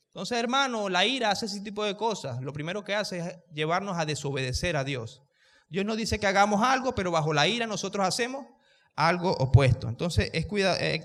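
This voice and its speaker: This is a high-pitched, slightly bright male voice with a big-room sound. He's a pastor delivering a sermon in church, projecting so everyone can hear and asking the congregation questions.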